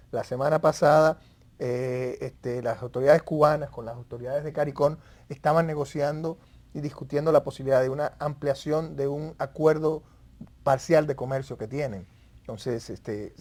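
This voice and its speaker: A man speaking as an expert guest in an interview, haltingly, repeating words as he searches for phrasing. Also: mid-range voice, a little mellow. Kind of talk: conversational panel recap in an interview.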